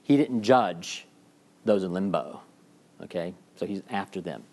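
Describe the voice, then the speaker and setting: A man's voice: sits low, a little slow, darkish tone. A man giving a classroom lecture in a discursive way, with frequent fillers and restarts, often checking in with the class.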